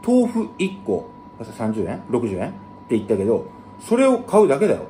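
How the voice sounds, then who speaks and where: A man hosting his own channel, talking bluntly in rough, slangy casual speech and explaining things to viewers. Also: wildly swooping pitch, normal speed, warm tone, a little hiss or hum. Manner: blunt, rough slangy talk with big jumps in pitch. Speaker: channel host. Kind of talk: casual monologue to camera.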